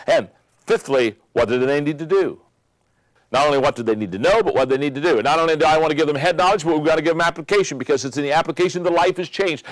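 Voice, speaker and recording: An older man giving a motivational leadership lesson, emphatic and repeating key phrases, slowing down for effect. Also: on the high side, no echo. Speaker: leadership teacher. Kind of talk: motivational teaching talk.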